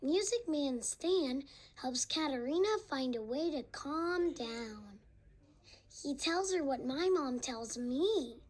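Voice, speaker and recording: A young performer voicing a friendly, gentle little boy tiger who narrates a children's read-along storybook in a slow, sing-song way. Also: high voice, animated. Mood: gentle, earnest.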